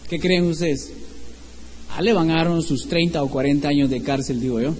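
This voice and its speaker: A man's voice: fairly high pitch, fairly even intonation, a little fast, a little mellow, slightly rough. A man preaching an informal sermon in a church hall. He keeps putting questions to the congregation and often restarts his sentences. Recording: echoey hall with faint background noise.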